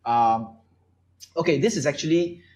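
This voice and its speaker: A man's voice: a little high, measured pace, darkish tone. A man from Malaysia hosting a casual panel chat, explaining at length with many fillers. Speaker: podcast host.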